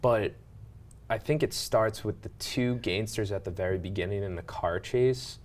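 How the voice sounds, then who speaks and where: A man's voice: lowish voice, normal speed. A young man co-hosting a casual film podcast, talking about the movie with enthusiasm. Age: young adult. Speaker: podcast co-host. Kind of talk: casual chat.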